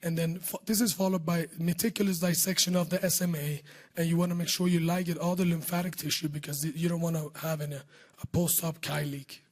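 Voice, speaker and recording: A man with a hoarse voice that is giving out, speaking close to the microphone as he presents surgical research in a scripted talk. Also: on the high side, little pitch movement, fairly quick, darkish tone. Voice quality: husky voice giving out. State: hoarse, losing his voice. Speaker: surgeon presenting research at a medical conference. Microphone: speaking close to a podium microphone.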